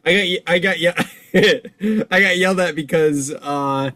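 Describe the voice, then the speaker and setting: A man's voice: sits high, slow, pushed and bright, dry recording. A young man hosting a casual podcast, rambling with lots of fillers and laughing often. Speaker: podcast host. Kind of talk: casual chat.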